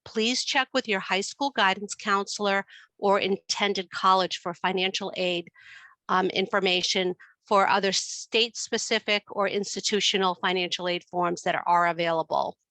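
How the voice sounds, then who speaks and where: A woman's voice: medium pitch, fairly even intonation, moderate pace, bright, forceful tone, no echo. A woman with a New York accent giving an informational webinar presentation on financial aid, explaining steadily with frequent ums over a computer mic on a video call.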